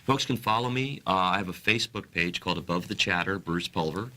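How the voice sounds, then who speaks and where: A man speaking as a guest author in an interview, earnest and halting, often restarting his sentences. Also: low voice, bright, forceful tone. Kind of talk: interview talk.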